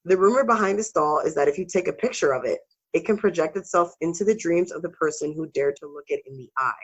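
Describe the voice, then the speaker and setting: A woman's voice: on the low side, fast talker, slightly rough, rough recording. A woman co-hosting a podcast, telling spooky stories in a casual, swearing, joking way. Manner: casual, swears, laughs between story beats. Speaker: podcast co-host. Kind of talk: casual storytelling podcast chat.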